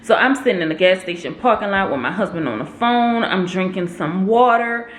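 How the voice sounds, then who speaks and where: A young woman vlogger telling a story in a casual, animated, expressive way. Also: mid-range voice, fairly quick. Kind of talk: storytime vlog. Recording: roomy echo.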